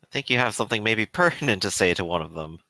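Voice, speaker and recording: A man's voice: lowish voice, lively intonation, fast, bright, forceful tone, no room sound. A man playing a tabletop game, making brief, laid-back remarks. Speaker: player. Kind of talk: casual tabletop game talk.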